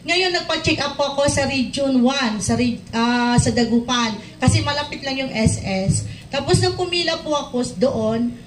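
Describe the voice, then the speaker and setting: High-pitched middle-aged woman telling her story, acting out what people said, roomy echo, faint noise behind. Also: moderate pace. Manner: retells events by acting out quoted dialogue. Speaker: product user giving a testimony. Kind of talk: personal testimony storytelling. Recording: echoey room, far from mic, faint noise.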